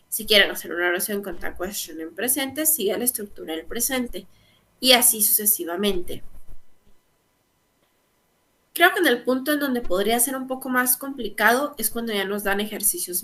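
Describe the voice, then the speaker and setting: A woman's voice: medium pitch, pushed and bright. A young woman teaching an English grammar lesson, explaining patiently step by step and often checking in with her students.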